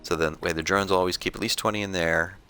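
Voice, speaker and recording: A man giving relaxed, explanatory commentary on his own gameplay, thinking aloud as he plays. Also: low-pitched, quick pace, clean tone.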